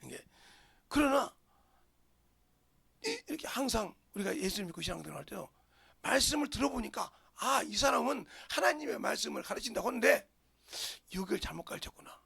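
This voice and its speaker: A male pastor from the region, preaching a sermon in an animated way and dropping into whispers for emphasis. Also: high voice, a little fast, creaky, slightly rough. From Jeolla, Korea.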